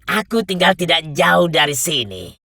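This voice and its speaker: Cartoon wolf villain, sly and menacing, gravelly, sharp, animated swings. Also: female voice, fairly low pitch, moderate pace, dry recording, clean studio sound, exaggerated voice. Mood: falsely sweet, coaxing. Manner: wolfish, coaxing then threatening. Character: sly, menacing big bad wolf at the door. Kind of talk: children's cartoon fairy-tale acting.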